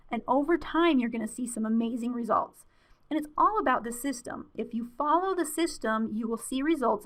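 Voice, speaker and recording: A woman presenting a webinar in a friendly, conversational way with frequent fillers, her voice wearing out. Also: a little high. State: losing her voice.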